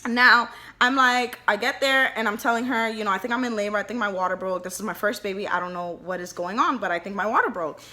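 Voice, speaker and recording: A woman's voice: medium pitch, fast talker. A young woman telling a story casually and with animation, full of fillers, acting out what people said. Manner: chatty and animated, many "like" fillers, acts out dialogue. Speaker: vlogger telling her birth story.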